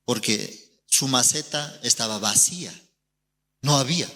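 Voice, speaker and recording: Emphatic Bolivian pastor in a reverberant hall. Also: male voice, medium pitch, measured pace, pushed and bright. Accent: Bolivian Spanish. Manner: storytelling with acted quotes, emphatic and drawn out. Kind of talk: sermon.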